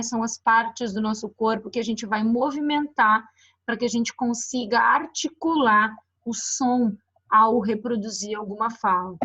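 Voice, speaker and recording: A woman's voice: fairly high pitch, a bit bright, highs cut off. A woman teacher with a Brazilian Portuguese accent giving a recorded lecture, explaining slides with frequent "né" and "ó". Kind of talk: recorded online lecture on phonetics.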